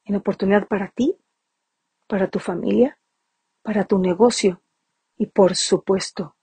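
Husky-voiced woman, emphatic motivational host. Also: mid-range voice, steady tone, a little slow, warm tone, no echo. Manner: emphatic, repeats phrases for stress. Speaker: podcast host. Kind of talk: motivational business podcast.

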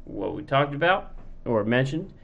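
A man's voice: medium pitch, sing-song, normal speed, creaky, lo-fi sound. A man with a nasal voice co-hosting a casual hockey podcast, making dry, joking asides. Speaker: podcast co-host. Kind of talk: casual chat.

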